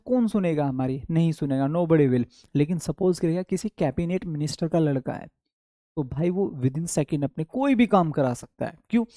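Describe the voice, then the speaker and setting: A man teaching English vocabulary in an online exam-prep class, asking questions and answering them himself and drawing out key words slowly for memory. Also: high voice, warm tone, dry recording, studio quality.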